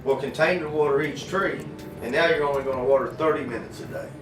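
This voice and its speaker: This interview guest is a Floridian man, an inventor who also works in farm irrigation, speaking earnestly in a folksy, plain-spoken, emphatic style. His voice is a little high and he talks fast. The mic is distant in a roomy space, with faint music behind him.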